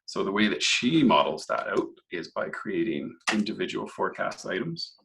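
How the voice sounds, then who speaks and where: A slightly hoarse man, presenting a software walkthrough webinar and explaining features step by step. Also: deep voice, very animated, normal speed, background noise. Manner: explanatory, clears throat often.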